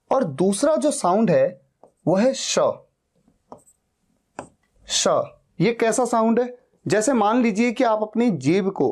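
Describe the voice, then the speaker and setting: A man teaching English phonics, who demonstrates each sound slowly and repeats it many times. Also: sits high, darkish tone. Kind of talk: teaching lesson.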